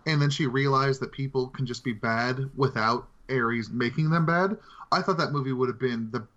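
This podcast co-host is a man with a medium-pitched, slightly bright voice who talks at a normal speed. He's in a casual chat about movies, captured on somewhat dull, lo-fi audio.

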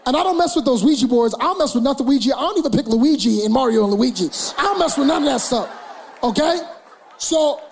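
A young man preaching a sermon, telling a funny story and building to loud shouted preaching. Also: extremely high pitch, lively intonation, quick pace, some chatter behind, slight background noise.

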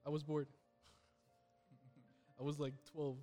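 A man's voice: on the high side, level tone, slow, warm tone, soft background music. A young American man hosting a casual podcast, telling slangy, joking, self-deprecating stories among friends. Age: young adult. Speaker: podcast host.

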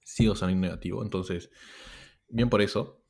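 A man's voice: low-pitched, fairly even intonation, normal speed, gravelly, a little mellow. A man co-hosting a podcast in casual chat, easygoing and agreeable. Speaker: podcast co-host.

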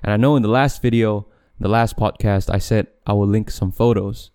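Young guy rambling on his podcast, lowish smooth mellow voice, lots of restarts and little laughs. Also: fairly even intonation, normal speed. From Malaysia. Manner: rambling, self-correcting, laughs often. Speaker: podcast host. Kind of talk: casual solo podcast chat. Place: home room, camera set back.

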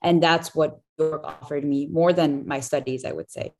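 A young woman in her twenties talks as a podcast guest in a low, upbeat voice. She is chatty and quick to restart her sentences, with plenty of fillers along the way. Her tone is that of easygoing interview talk. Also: steady tone, gravelly, darkish tone. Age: 20s. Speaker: startup founder guest.

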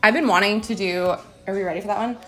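Young female co-host, relaxed and playfully deadpan in casual conversation. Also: mid-range voice, quick pace, faint music behind. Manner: laid-back, playful, dry jokes. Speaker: co-host of a cider tasting show. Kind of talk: casual chat.

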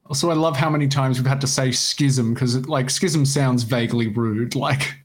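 A man's voice: mid-range voice, normal speed. A man joking and swearing in a casual comedy podcast chat. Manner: profane, joking.

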